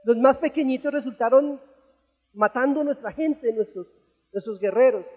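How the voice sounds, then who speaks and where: A man's voice: very high-pitched, normal speed, a little mellow, faint music behind, voice pushed up. A Colombian man voicing a distraught biblical leader pleading tearfully with God, within a sermon. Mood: anguished. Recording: echoey church hall.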